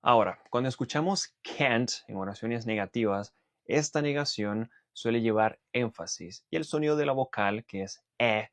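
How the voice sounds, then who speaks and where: A man teaching English pronunciation, explaining clearly and methodically and modelling example words. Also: medium pitch, moderate pace, dry recording. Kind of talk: explanatory language lesson.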